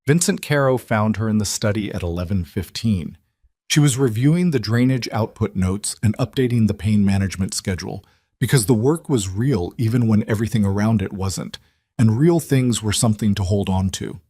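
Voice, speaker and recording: A man with a low voice narrating a dramatic story in a steady, even way. The recording is dry and close, with no room sound. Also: normal speed, no room sound. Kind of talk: scripted audiobook narration.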